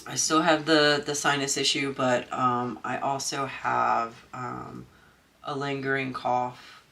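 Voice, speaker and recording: Speaking slowly in a bass voice with a level tone and vocal fry, a woman from Maryland, USA, chats at home while crafting for her channel. She sounds bright and forceful despite a stuffy, congested nose, and she rambles through many ums and restarts.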